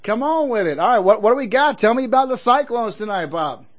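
A man's voice: extremely high pitch, animated, quick pace. A man hosting a call-in sports radio show, chatting casually in a folksy, encouraging way and often repeating his phrases. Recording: narrow phone-like radio audio.

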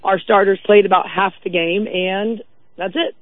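A woman's voice: mid-range voice, steady tone, moderate pace, dry recording. A woman phones a sports show over a narrow, dry line. She chats casually, and her voice sounds sick, worn and a little shaky. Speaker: regular caller to a sports show.

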